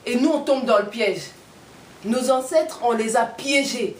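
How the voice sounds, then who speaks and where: High-pitched woman ranting hard, lots of rhetorical questions, sounds far off the mic with a faint hum. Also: measured pace, echoey room. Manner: fiery, rhetorical questions, emphatic repetition. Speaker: activist speaker. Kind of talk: impassioned political and spiritual monologue.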